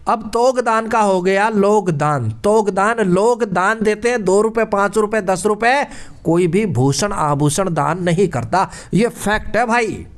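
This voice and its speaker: Male quiz teacher, high voice, casual exam-prep patter full of puns and repetition. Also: a little slow. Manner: playful punning, chatty repetition.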